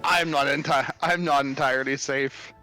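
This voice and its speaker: A man's voice: medium pitch, fairly even intonation, moderate pace, bright, forceful tone, soft background music. A man chatting casually as a co-player on a game stream. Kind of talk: casual gaming chat.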